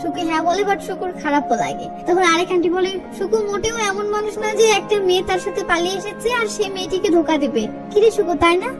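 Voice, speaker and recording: A woman narrating a film recap, reading out every character in brisk storytelling. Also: very high voice. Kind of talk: fast movie recap narration. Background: background music.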